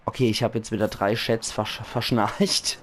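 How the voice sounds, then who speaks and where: A hoarse man with a Palatinate German accent, chatting enthusiastically as he comments on a video game. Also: lowish voice, steady tone, normal speed, fairly bright tone. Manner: chatty, enthusiastic, laughs often. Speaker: let's play host. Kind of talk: casual gaming commentary.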